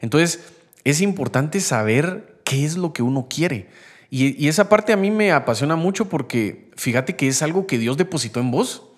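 A man's voice: on the high side, animated, normal speed. A young man, talking animatedly about faith and acting out the voices he quotes. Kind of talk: faith-based conversational talk.

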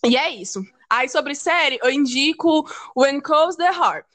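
A woman's voice: high-pitched, expressive, a little slow, a bit bright. A woman co-hosting a casual podcast chat, talking hesitantly with stammers and fillers. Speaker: podcast co-host.

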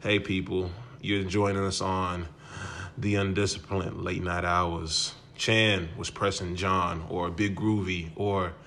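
A man hosting a casual late-night podcast, bantering playfully and dropping to a low, confiding tone. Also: flat delivery, slow pace, a bit bright, slight background noise. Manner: playful, theatrical, swings from hyped to low and confiding. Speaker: podcast host.

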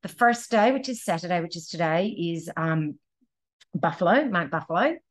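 A woman's voice: lowish voice, expressive, moderate pace. An Australian woman hosting a podcast, chatting casually and upbeat, with easy laughs and plenty of fillers, in a cabin. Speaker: podcast host and running coach. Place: indoors in a cabin.

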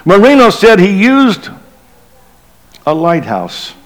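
A middle-aged man, a bishop, preaching a Christmas Eve sermon and telling a story dramatically, sinking to a hushed low voice at tense moments. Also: wildly swooping pitch, slow pace, low-quality recording.

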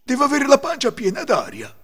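A man's voice: very high voice, wildly swooping pitch, brisk, a bit bright, breathy edge, big-room sound, voice pushed up, heavily acted. A man voicing a hungry, bewildered male wolf in a storytelling reading. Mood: puzzled. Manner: raised, bewildered grumbling.

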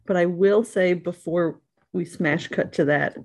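A woman co-hosting a podcast, chatting casually about a tabletop game show and acting out the players in high voices. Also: a little slow, darkish tone. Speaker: podcast co-host. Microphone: podcast mic.

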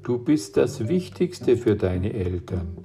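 A man's voice: lowish voice, sing-song, slow pace, gravelly, warm tone, soft background music, full character voice. A man reading aloud as a teenage boy who leads his friends, urging and reassuring.

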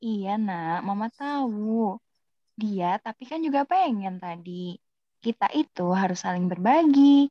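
A woman voicing a mother who gently scolds and coaxes her daughter, in a children's cartoon drama. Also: medium pitch, expressive, takes it slowly, no room sound. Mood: coaxing. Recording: dull lo-fi dry recording.

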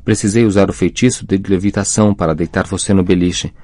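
A man voicing a caring teenage girl who speaks gently and with concern. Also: deep voice, fairly even intonation, quick pace. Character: anxious caring young witch, teenage girl friend.

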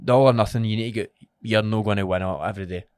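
A man's voice: on the low side, fast, darkish tone, clear, resonant tone, no echo, clean studio sound. A man with a broad Scottish accent co-hosting a fitness podcast as a trainer, chatting casually, blunt, sweary and encouraging.

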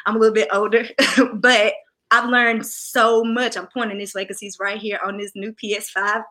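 A woman with a Southern US accent chatting casually in a goofy, loud, down-home country way. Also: mid-range voice, flat delivery, normal speed. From Southern United States. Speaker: musician guest. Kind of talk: casual chat.

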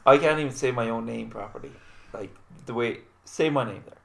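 A man's voice: mid-range voice, brisk, creaky, a crowd in the background. A man chatting casually, joking and swearing, acting out quoted lines. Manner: jokey, swears, acts out quotes. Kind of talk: casual chat.

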